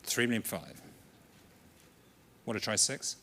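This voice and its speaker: Male auctioneer, brisk rhythmic bid-calling, bright forceful tone, live hotel sale room. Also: lowish voice, slight background noise.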